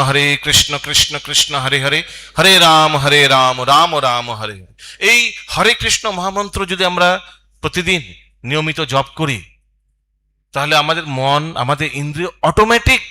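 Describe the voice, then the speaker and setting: Bright animated male preacher. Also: on the high side. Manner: animated preaching, mixes English phrases, leads chanting. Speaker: Gita class speaker. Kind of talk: devotional class talk.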